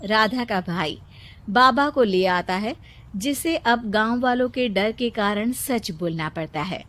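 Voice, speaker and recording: A woman reads a scripted story as narrator. Her voice sits at a middle pitch, telling the tale scene by scene. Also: expressive, takes it slowly, a bit bright, no echo.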